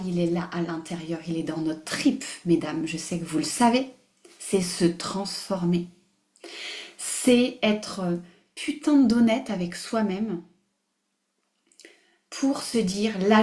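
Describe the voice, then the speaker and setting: A woman hosting a live online masterclass, animated and emphatic, repeating phrases, mixing in English words and laughing often. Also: on the low side. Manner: mixes English words into her speech. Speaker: masterclass host. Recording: roomy echo.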